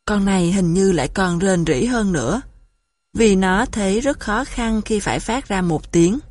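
Breathy woman narrating a storybook. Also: mid-range voice, animated, normal speed, a little mellow, no echo, studio quality. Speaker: audiobook narrator.

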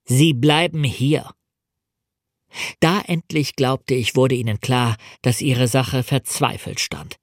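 A man reading a novel aloud as an audiobook in a measured, dramatic first-person storytelling manner, in a studio. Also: medium pitch, no echo. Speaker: audiobook reader. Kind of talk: scripted audiobook narration.

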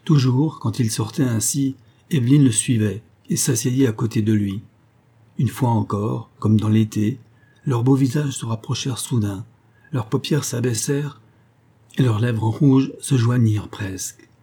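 A man with a husky voice narrating a gothic tale as an audiobook reading. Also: mid-range voice, unhurried, warm tone.

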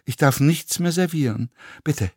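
A man's voice: fairly high pitch, a little slow, a little mellow, slightly rough, dry recording, clean studio sound. A man reading an audiobook, voicing a curt, formal young female flight attendant. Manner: clipped, formal.

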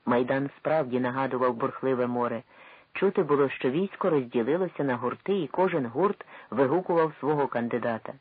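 Husky male narrator, tinny phone-like sound. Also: medium pitch, fairly quick, dry recording. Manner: expressive, dramatic reading. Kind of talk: audiobook reading of a historical novel.

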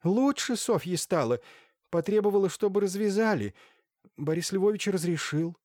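A man voicing an anxious, fussy gentlewoman who clucks and complains. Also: lively intonation, normal speed, no echo, clean studio sound. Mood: fretful. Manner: shrill clucking fuss.

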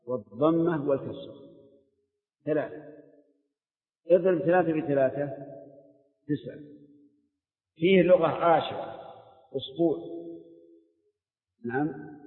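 An older man with a Najdi Arabic accent teaching a class, slowly drilling and questioning his students. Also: fairly high pitch. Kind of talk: classroom lesson. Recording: tinny old lecture tape in echoey hall.

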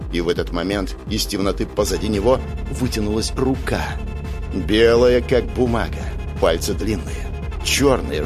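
A man narrating a dark fantasy story with expressive, dramatic delivery. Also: on the low side. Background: music.

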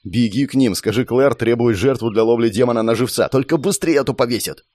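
A man's voice: medium pitch, brisk, a little mellow, dry recording, lightly acted. A man reading an audiobook voices the harried young hero himself, muttering and exasperated.

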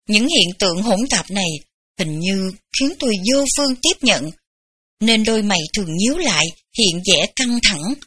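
Bright-voiced woman reading a memoir. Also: mid-range voice. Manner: gentle, unhurried storytelling with light laughs. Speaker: audiobook reader. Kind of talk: memoir read aloud.

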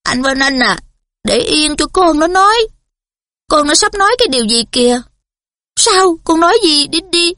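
A woman voicing a shrill, fussing middle-aged mother who dotes on her son, in a storybook reading. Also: expressive, moderate pace, bright, forceful tone, dry recording, clean studio sound. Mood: frantic. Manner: shrieking, trembling.

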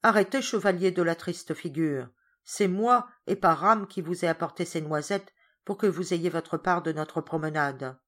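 Brief: woman playing a firm scolding governess, lively pitch, storybook reading. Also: normal speed. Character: stern adult woman governess, sharp-tongued.

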